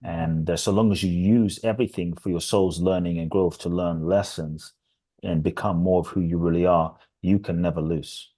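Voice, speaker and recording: Earnest and reflective, a transformational teacher answers podcast interview questions, letting his points build up through repetition. He speaks at a normal speed in a low, steady voice with a dark tone.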